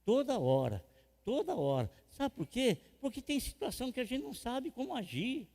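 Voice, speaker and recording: A man with a Brazilian Portuguese accent preaching a sermon as pastor, swinging from loud emphatic lines to quiet asides and repeating phrases for emphasis. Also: very high voice, very animated, moderate pace, gravelly. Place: church hall. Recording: long reverb of a church hall.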